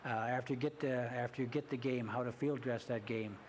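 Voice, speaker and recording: Male guest, mid-pitched, halting delivery, faint background hiss. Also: fairly even intonation, darkish tone. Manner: halting, full of hesitations. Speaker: hunter education instructor. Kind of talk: interview answers. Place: community TV studio.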